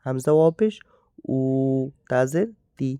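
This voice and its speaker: Man, Bangladeshi accent, Quran reading teacher, slow repetitive drilling, clear tone. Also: on the high side, animated, mellow, no room sound. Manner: slow, drawn-out drilling with repeated syllables. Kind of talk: spelling out Arabic letters and vowel marks, then reading words slowly.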